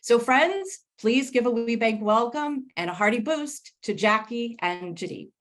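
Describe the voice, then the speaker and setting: A woman emcee warmly introducing the next speakers. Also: fairly high pitch, expressive, measured pace.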